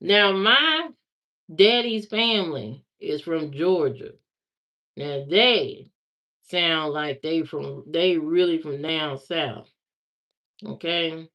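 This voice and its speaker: Low and slow with a sharp edge, a woman from Indiana replies to her livestream viewers in a casual way, repeating herself as she answers their comments. The audio comes through somewhat muffled and lo-fi.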